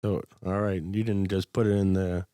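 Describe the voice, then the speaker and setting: Easygoing low-voiced man hosting. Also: level tone, normal speed, dark tone, dry recording, studio quality. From Pittsburgh area, US. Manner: easygoing, laughs often, many listening hums. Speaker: podcast host. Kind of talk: casual interview chat.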